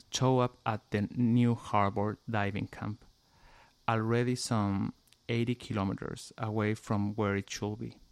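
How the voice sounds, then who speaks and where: A Chilean musician with a Chilean Spanish accent answers interview questions in English and also reads a passage aloud. His voice is fairly low and a little mellow. He sounds hesitant, leans heavily on "like," and pronounces each sound carefully.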